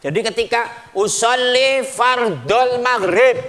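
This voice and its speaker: Bright high-voiced male preacher. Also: slow. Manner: lively, mixing regional phrases and acted prayers. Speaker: Islamic preacher. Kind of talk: sermon.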